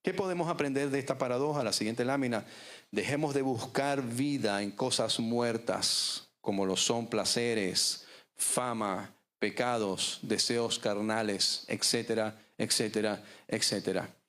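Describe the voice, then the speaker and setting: A man, preaching a sermon as pastor, with dramatic pauses. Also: mid-range voice, fairly bright tone. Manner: preaching with dramatic pauses, acting out voices in stories.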